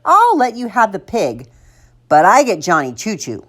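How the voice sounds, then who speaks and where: A woman voicing a stubborn, pleading young boy in a children's storybook, with melodramatic, drawn-out delivery. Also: medium pitch, huge pitch swings, a bit bright, full character voice. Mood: bargaining.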